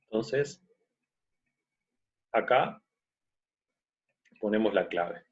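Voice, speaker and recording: A man teaching a screen-recorded software course, explaining step by step and often checking in with his listeners. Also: on the low side, lively intonation, extremely slow, lo-fi sound. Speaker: course instructor.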